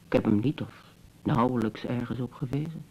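An actor playing a bitter, teasing brother who muses to his sister in a slow, mocking monologue, in old radio drama style. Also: mid-range voice, creaky, breathy edge, highs cut off. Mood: musing. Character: wry, bitter adult brother, teasing yet tender. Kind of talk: 1970s Dutch radio drama acting.

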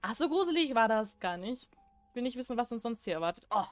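A woman's voice: fairly high pitch, big pitch swings, fast talker, soft background music. A young woman chatting casually while she plays a horror game, joking and talking back to what happens on screen. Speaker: let's play gamer.

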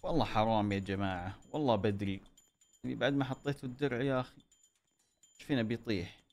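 A man giving excitable commentary over his own gameplay, cheering himself on and joking with his viewers. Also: mid-range voice, fast. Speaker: gaming YouTuber.

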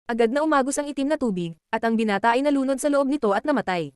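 A woman narrating a martial-arts web novel chapter aloud, reading rapidly and evenly. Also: sits high, expressive, a little mellow, clear, resonant tone, no room sound, clean studio sound. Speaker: audiobook narrator.

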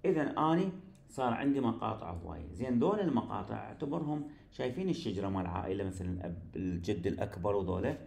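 A man with an Iraqi Arabic accent teaches an online English grammar class, explaining patiently and often checking that his students follow. His voice is gravelly and mellow, and the room around him rings with a noticeable echo. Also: on the low side, very animated, racing. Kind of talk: recorded online lecture.

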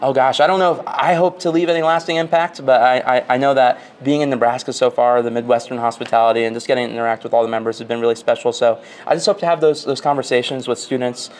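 Young guest from Florida, quick earnest answers, lapel mic in a big hotel hall. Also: male voice, mid-range voice, steady tone. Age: young adult. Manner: friendly, earnest, many uh fillers. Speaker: interview guest, national student officer. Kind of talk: casual interview answers. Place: large hotel convention hall.

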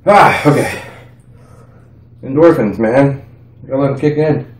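A man talks casually and haltingly, dazed by spicy food burning his mouth. His slow speech trails off mid-thought, and he is picked up by a distant mic in a roomy space. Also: mid-range voice, lively intonation. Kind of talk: casual chat during a food challenge. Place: indoors at a dining table in a home. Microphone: far camera.

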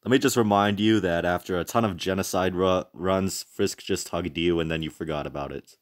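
A young man with a low voice reacts to a video from his home mic. He chats loosely, laughs at his own slips and pokes fun at himself. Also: brisk. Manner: chatty, self-mocking, laughs often. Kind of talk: casual reaction commentary.

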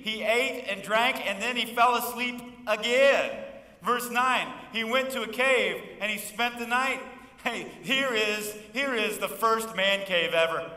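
Unhurried and forceful, a very high-pitched, bright voice belongs to a pastor in his fifties delivering a sermon. He jokes in a folksy way and calls on the congregation to respond, recorded from a distance in an echoey church sanctuary.

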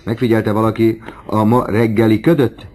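A man reading an audiobook, voicing a fussy male museum clerk who drags out his puns slowly. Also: lowish voice, little pitch movement, darkish tone, pitched above the performer's own voice, close to an everyday voice. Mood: joking. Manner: slow, exaggerated punning.

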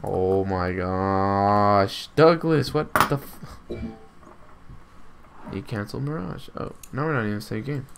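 A young man streaming a game, chatting casually in a joking, teasing way with bursts of shouting. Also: mid-range voice, moderate pace, gravelly, pauses often, a little hiss or hum. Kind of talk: casual gaming chat.

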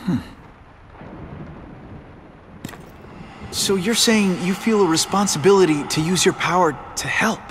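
A man's voice: sits high, brisk, slight background noise, lightly acted. An actor playing an earnest young male hero in a video game, casual, slightly awkward and wisecracking. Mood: curious, polite.

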